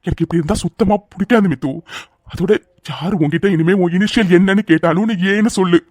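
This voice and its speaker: A fiery, devoted young lover. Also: male voice, high voice, darkish tone, no room sound, clean studio sound. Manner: pleading and insistent, speaks fast. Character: devoted, protective young man, fiery in love. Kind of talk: cartoon dub dialogue.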